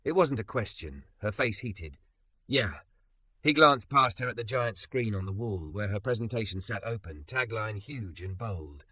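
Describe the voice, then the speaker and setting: A man narrating a story in a scripted, expressive reading. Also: on the low side, moderate pace, few pauses, no echo.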